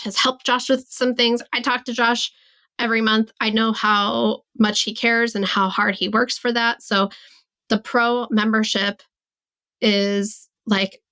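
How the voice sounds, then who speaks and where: A woman's voice: mid-range voice, bright, forceful tone. A woman in her forties hosting a solo podcast, talking candidly and reflectively about her business, often saying "like" and voicing her own thoughts as quotes. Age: 40s. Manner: reflective, candid, many "like" fillers. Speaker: podcast host and business coach. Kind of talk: casual solo podcast monologue.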